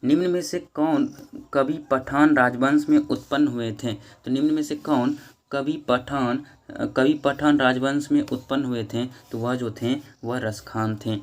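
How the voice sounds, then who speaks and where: A man's voice: mid-range voice, steady tone, measured pace. A man going through exam questions one by one, reading each question and then repeating it as he gives the answer.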